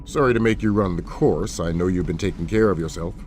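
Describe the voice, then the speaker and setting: A man playing a composed, authoritative intelligence colonel in a video game, measured and businesslike. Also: sits low, darkish tone, faint music behind, lightly acted. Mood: collegial, businesslike. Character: composed, authoritative male colonel running covert operations. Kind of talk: video game cutscene acting.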